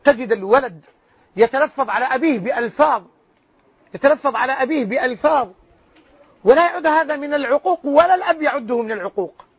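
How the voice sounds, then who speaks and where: A loud-voiced man teaching a religious lesson as a sheikh, quizzing his listeners with rhetorical questions. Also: very high voice, expressive, fast talker, husky, no echo. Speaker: sheikh teaching a hadith class. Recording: dull lo-fi lecture recording.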